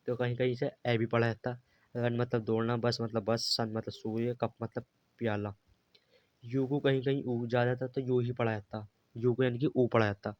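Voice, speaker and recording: A man's voice: medium pitch, no echo. A man teaching a beginners' English phonics lesson, patiently spelling words out letter by letter and repeating them. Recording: dry, slightly dull lo-fi recording.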